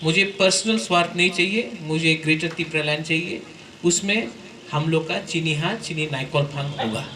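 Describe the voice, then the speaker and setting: A man's voice: fairly high pitch, normal speed, background noise. A man giving an impassioned public speech to students, exhorting them and mixing in English phrases, then taking questions. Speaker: community leader addressing students. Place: hall with students. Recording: echoey hall.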